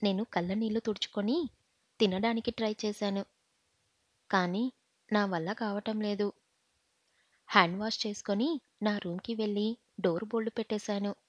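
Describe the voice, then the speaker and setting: A woman narrating a first-person story as an audiobook reader, in a steady, earnest way. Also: mid-range voice, normal speed, pauses often, dry recording. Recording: slightly muffled home audio.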